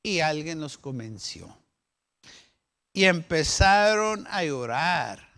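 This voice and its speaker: High-voiced pastor preaching slowly. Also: male voice, very animated, pushed and bright. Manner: acts out the doubting people's voices with questions and rebuttals. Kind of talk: sermon.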